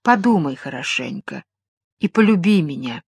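A woman voicing a sly, seductive mermaid who speaks gently and coaxingly. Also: sits low, animated, normal speed, creaky, breathy edge, no room sound, heavily acted. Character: seductive sly female mermaid, soft-spoken.

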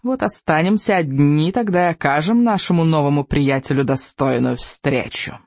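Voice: mid-range voice, normal speed, darkish tone, no room sound, natural voice. A narrator voicing a large male hunting dragon who purrs out threats, in an audiobook reading. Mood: menacing. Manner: purring, threatening.

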